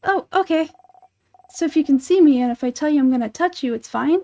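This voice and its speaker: A woman voicing a cheerful, energetic little kid adventurer from a game, talking in a chatty, earnest way. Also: high-pitched, a little fast. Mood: eager.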